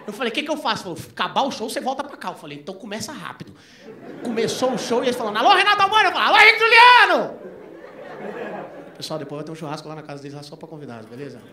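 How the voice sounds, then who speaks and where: A man telling a story on a comedy club stage at a quick clip, acting out every voice in the dialogue. His voice bounces around an echoey room. Crowd noise and laughter sit clearly under him. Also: high-pitched, sing-song, fairly bright tone. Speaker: stand-up comedian. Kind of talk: stand-up storytelling. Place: comedy club stage before a live audience.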